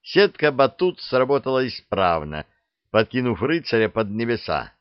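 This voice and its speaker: A man narrating a comic fairy tale in an expressive, unhurried storytelling manner. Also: mid-range voice, smooth, dry recording. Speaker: audiobook narrator. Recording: dull lo-fi recording.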